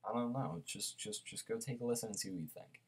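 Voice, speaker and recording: A man's voice: on the low side, fast, breathy edge. A young man casually reviewing an album, rambling with lots of fillers and restarts, a bit sleepy. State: sleepy, yawning.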